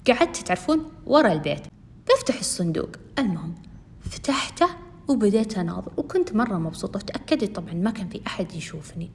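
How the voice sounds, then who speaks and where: A woman's voice: mid-range voice, very animated, fast, a little mellow, a little hiss or hum. A young woman telling a first-person story, chatting directly to her listeners.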